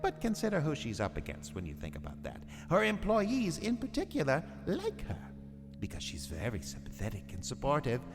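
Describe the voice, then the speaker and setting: A man's voice: medium pitch, wildly swooping pitch, a little fast. A man playing a gleefully macabre warlock horror host, narrating in a theatrical, savoring, sardonic way. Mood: sardonic relish. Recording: long reverb, music behind.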